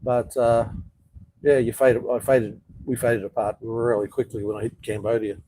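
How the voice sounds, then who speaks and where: A man's voice: mid-range voice, flat delivery, normal speed, mellow, dry recording, rough recording. An Australian man hosting a casual live chat, reading viewer comments and answering bluntly, swearing often and calling people "mate".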